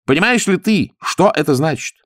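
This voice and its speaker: A man's voice: on the high side, lively intonation, normal speed, no room sound, studio quality, voice pushed up, natural voice. A man doing a pushy, scheming cousin. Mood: persuasive. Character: scheming, persuasive male cousin, a smooth-talking schemer.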